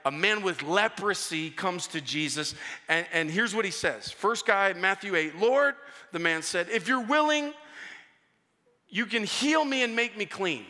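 A man preaching a sermon as pastor, energetic, repeating and restarting phrases as he climbs in pitch and volume to act out scripture voices. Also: measured pace, long reverb tail.

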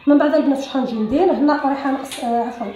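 A woman with an Algerian Arabic accent teaching a sewing tutorial, talking quickly to viewers and often correcting herself. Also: high voice, mellow, roomy sound. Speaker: sewing instructor. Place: room at a cutting table.

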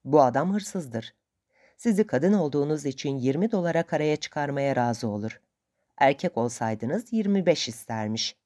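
A woman voicing a courteous male ship's officer who speaks calmly and politely. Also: sits low, normal speed.

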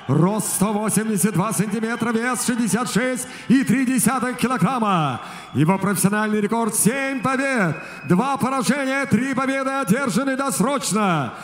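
A man working as a ring announcer, delivering a booming stage introduction for a fight in a large arena. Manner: booming stage introduction with drawn-out shouted names and rapid-fire stats. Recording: echoey arena PA, some background noise.

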